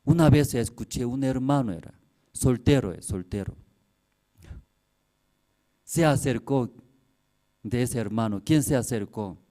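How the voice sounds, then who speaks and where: A man preaching a sermon as pastor, in slightly broken, non-native-sounding phrasing. He keeps repeating himself and checking in with tag questions, and swings between loud emphatic peaks and quiet asides. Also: mid-range voice, unhurried, long pauses. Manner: repetitive, with rhetorical questions and tag questions.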